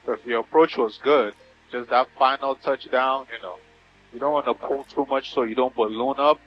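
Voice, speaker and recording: A man's voice: mid-range voice, fairly even intonation, moderate pace, soft background music. A male flight instructor coaching a student in flight over a cockpit headset intercom, giving short commands and then explaining them with "right?" tags. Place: small plane cockpit, in flight. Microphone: pilot headset boom mic. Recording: dull lo-fi intercom audio.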